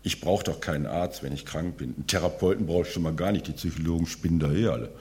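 A man's voice: low voice, fast talker, mellow. A man preaching a sermon in a conversational way, often checking in with his listeners with short tag questions. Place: church.

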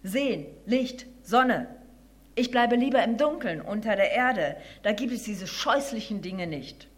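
A woman voicing a stubborn, grumpy male mole in a children's story, talking in a gruff, grumbling way. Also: medium pitch, animated, a little slow, close to an everyday voice.

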